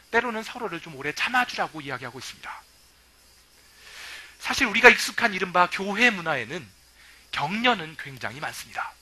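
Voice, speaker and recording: Guy pastor preaching, swoops up and down a lot, acts out little quotes. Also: high voice. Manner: lively storytelling, acting out quoted remarks. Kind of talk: sermon.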